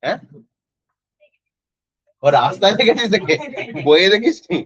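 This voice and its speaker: A man's voice: sits high, animated, normal speed, a bit bright. A male physics tutor, teaching an online class in a casual way and quizzing students by name. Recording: dry, slightly dull lo-fi audio.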